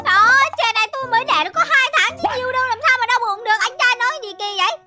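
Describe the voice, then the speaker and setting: Actress doing a pushy chirpy vendor girl, crazy high fast voice, cartoon skit, loud kiddie music behind. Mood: defensive. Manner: chattering, repetitive sales patter. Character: pushy, chirpy female dessert street seller. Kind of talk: animated Minecraft skit voice acting.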